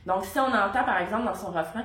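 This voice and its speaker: A woman's voice: mid-range voice, fast talker, fairly bright tone. A young adult woman with a Québécois French accent, a voice coach explaining technique casually with many fillers and brief sung demonstrations. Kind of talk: vocal lesson to camera. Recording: roomy echo.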